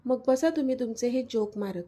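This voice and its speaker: A woman's voice: on the high side, animated, a little fast, warm tone. A woman voicing a pouting, tearful young woman in a storybook love story. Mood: sulky. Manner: pouting, pleading.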